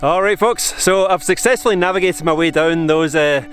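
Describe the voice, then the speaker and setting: A Scottish man in his forties speaks to the camera out on a mountain, pausing and restarting as he thinks aloud. His voice sits a touch high and a little shaky from the cold. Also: a bit bright, faint music behind. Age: 40s. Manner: halting, reflective, many restarts and fillers. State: shivering in the cold. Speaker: vlogger. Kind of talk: casual talk to camera. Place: outdoors on a mountain.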